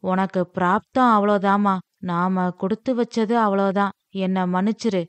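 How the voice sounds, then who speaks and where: Lady doing a worried dad in an audio story, calm and reasoning, dry close sound. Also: mid-range voice, moderate pace, smooth, no echo, natural voice. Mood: grieving. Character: worried middle-aged father, gentle and reasoning.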